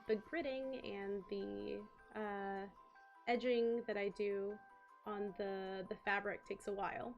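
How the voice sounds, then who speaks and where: A woman's voice: mid-range voice, a little mellow. A woman streamer chatting casually as she works on a craft. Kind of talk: casual chat while crafting.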